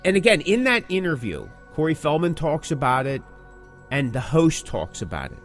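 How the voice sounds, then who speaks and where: Over soft background music, a male podcast co-host and music interviewer talks music industry in a conversational style. His fairly bright, high-leaning voice swings widely in pitch at a moderate pace as he speaks emphatically in short phrases and throws out rhetorical questions.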